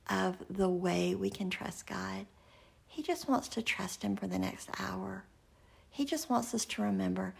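Middle-aged woman preacher, earnest storyteller, heavy vocal fry, breathy edge. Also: medium pitch, a little mellow. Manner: earnest, slows and drops to a whisper for emphasis. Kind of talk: sermon with personal storytelling.

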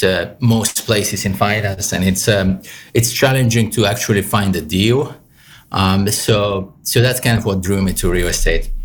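Male guest, 30s, slightly low pitch, hesitant. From Bulgaria. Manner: hesitant, many "um" and "like". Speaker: guest, real estate investor. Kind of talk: interview answers.

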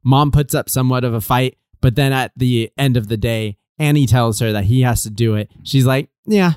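A man co-hosting a casual film review podcast, talking in an animated, sarcastic way and laughing often. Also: medium pitch, normal speed, clear, resonant tone, dry recording, studio quality. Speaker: podcast co-host.

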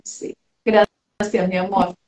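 A woman's voice: medium pitch, little pitch movement, takes it slowly, darkish tone, echoey room, low-quality recording. A woman with a Rioplatense Spanish accent, speaking tenderly and affectionately as a medium relaying messages in a live session. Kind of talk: live spiritual reading.

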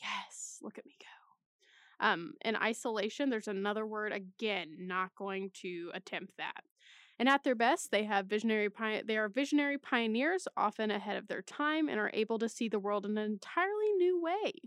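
A woman's voice: mid-range voice, animated, a little fast, fairly bright tone, no echo, studio quality. A young woman in college reading personality test results aloud in a casual way, with chatty, self-mocking asides. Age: young adult. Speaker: vlogger.

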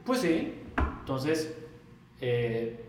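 A man's voice: medium pitch, extremely slow. A Mexican man telling a story in a casual interview, acting out past conversations in a livelier voice. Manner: animated, acts out past dialogue in raised voice. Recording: very echoey room, faint noise.

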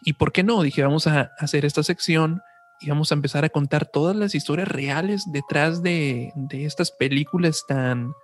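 A podcast host with a Mexican accent chats casually and reads aloud in an informal way, correcting himself as he goes, with music behind his voice. His voice is on the high side, at a normal speed, with a slight hiss or hum.

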